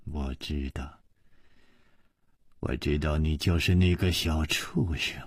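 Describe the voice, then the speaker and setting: A man voicing a cold, hard, furious woman in a spoken storytelling piece, low and sometimes hissing. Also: a little mellow, breathy edge, no room sound, clean studio sound, exaggerated voice.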